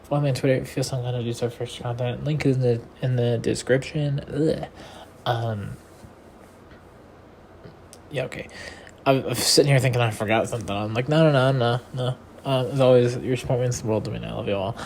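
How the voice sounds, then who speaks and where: A man's voice: medium pitch, steady tone, a little fast, creaky, a little mellow, slight background noise. A tired young man hosting a casual rambling monologue, meandering with many fillers and restarts. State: tired and yawning. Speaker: podcast host.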